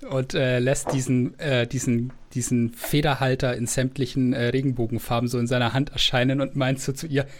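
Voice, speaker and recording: A man's voice: mid-range voice, flat delivery. A man in a mid-range voice runs a tabletop role-playing game. He narrates unhurriedly and casually, stopping often to find the right word. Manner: halting, searching for words while describing scenes. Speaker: game master.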